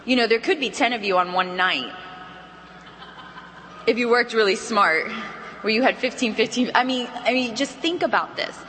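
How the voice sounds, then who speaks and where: An animated woman leads a sales training session for a live audience. She jumps into acted-out phone calls with big, lively voices. Her tone is bright and sits a touch high, with long reverb from a big hall and faint background noise.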